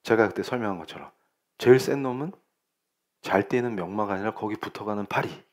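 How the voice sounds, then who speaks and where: A middle-aged man from Seoul preaching a sermon as pastor, asking rhetorical questions and swinging between loud bursts and quiet asides. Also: lowish voice, a little fast. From Seoul, South Korea.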